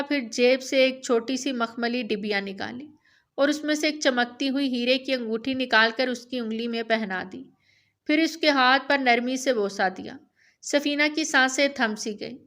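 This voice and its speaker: A woman reads a romance novel aloud, her voice sitting noticeably high. She keeps a steady, even storytelling pace from line to line. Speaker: narrator.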